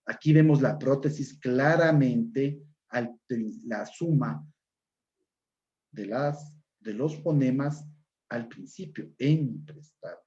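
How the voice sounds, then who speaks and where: A man's voice: medium pitch, slow, darkish tone, muffled recording. A male teacher giving an online class lecture, explaining with examples and checking in with "¿no es cierto?".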